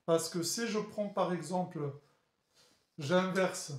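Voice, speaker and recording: A man teaching chemistry in a classroom lecture, talking haltingly with many fillers and restarts and often checking that the class follows. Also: sits high. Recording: echoey room.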